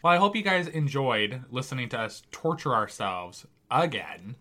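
A man's voice: mid-range voice, big pitch swings, moderate pace, pushed and bright. A man co-hosting a casual podcast, joking around and acting out exaggerated disgust. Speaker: podcast co-host.

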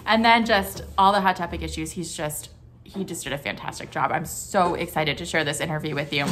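A woman's voice: low voice, fairly even intonation, fairly quick, a bit bright. A woman hosting a podcast, introducing her guest in an effusive, gushing way with many "just" and "like" fillers, then asking him questions. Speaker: podcast host. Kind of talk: enthusiastic podcast introduction and interviewing.

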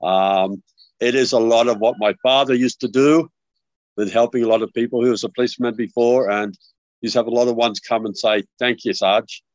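A man's voice: mid-range voice, fairly even intonation, brisk, dry recording, highs cut off. An older man with an Australian accent, a podcast guest telling rambling stories with many restarts over a remote call. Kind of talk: casual remote interview.

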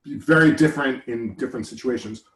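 A man with an American accent from the United States hosts a podcast, chatting casually in a joking, rambling style that keeps interrupting itself. His voice is medium-pitched, a little fast and fairly bright. The room is echoey and the audio quality is poor.

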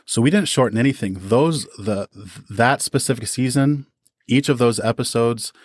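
Clean studio sound with no echo carries this man's medium-pitched voice at a moderate pace. He's an audio drama producer and performer appearing as a podcast guest, enthusiastically and conversationally talking through his craft in response to interview questions.

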